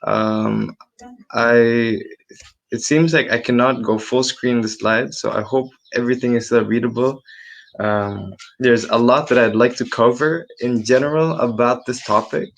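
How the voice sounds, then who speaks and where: An Indonesian research assistant gives a casual online webinar presentation over a computer mic, with lots of ums and restarts. His medium-pitched voice is steady and measured with some vocal fry, and there is slight background noise.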